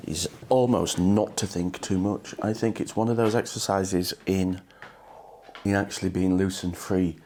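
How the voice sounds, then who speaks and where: A man giving a relaxed, chatty watercolour painting demonstration, talking loosely with plenty of ums as he paints. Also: lowish voice, slight background noise. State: a bit shaky from coffee. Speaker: watercolour teacher.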